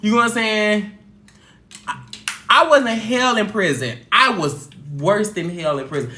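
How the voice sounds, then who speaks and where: A woman hosting a casual livestream chat, telling stories in an expressive, animated way. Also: mid-range voice, measured pace, roomy sound, a little hiss or hum. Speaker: livestream host.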